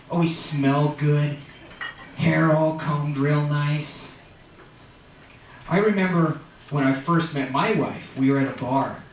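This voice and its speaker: High-voiced stand-up comic in echoey room. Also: male voice. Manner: animated, acts out characters in quick voices. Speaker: stand-up comedian. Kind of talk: stand-up routine. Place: live comedy venue. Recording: echoey distant live room mic with noise. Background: audience laughter.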